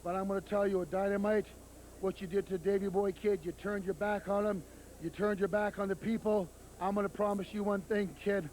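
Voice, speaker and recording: A man's voice: high-pitched, little pitch movement, a little fast, darkish tone, slight background noise, poor audio. A man speaks earnestly and solemnly as he hypes a coming wrestling match. This is the sound of a 1989 TV broadcast interview.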